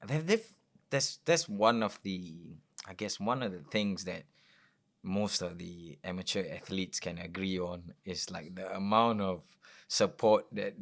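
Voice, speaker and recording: A man's voice: deep voice, a little slow, a bit bright. A man hosting a casual interview, laid-back and slangy. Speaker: podcast host.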